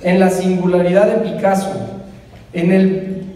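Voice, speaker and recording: A man's voice: high voice, flat delivery, unhurried, mellow. A man at a book launch reading a lyrical, solemn tribute speech into a table microphone. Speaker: presenter of the book. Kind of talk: read poetic tribute speech. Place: book launch hall, indoors. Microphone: table microphone at the panel. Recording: distant, echoey hall with noise.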